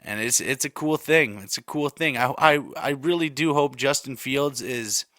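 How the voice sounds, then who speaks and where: A man's voice: mid-range voice, normal speed, sharp tone, dry recording, clean studio sound. A man in his thirties hosting a solo podcast, talking casually and rambling with many fillers and repeats. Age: 30s. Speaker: podcast host.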